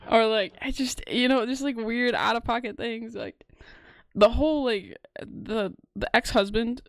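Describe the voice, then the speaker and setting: A woman's voice: fairly high pitch, a little slow, no echo, clean studio sound. A young woman co-hosting a podcast, chatting casually and rambling with lots of fillers. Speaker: podcast co-host and streamer.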